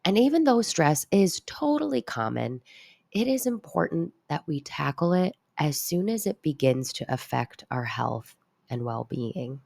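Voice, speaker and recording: A woman with a very deep voice guides a calm grounding exercise. She speaks slowly and deliberately, with a creaky edge, like a counselor giving instructions with the odd casual aside. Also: no echo. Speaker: mental health counselor guiding an exercise.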